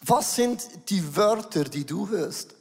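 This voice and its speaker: A middle-aged male pastor preaching a lively sermon, switching between quick asides and slow, stressed words. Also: high voice, vocal fry, slightly rough. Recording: long hall reverb.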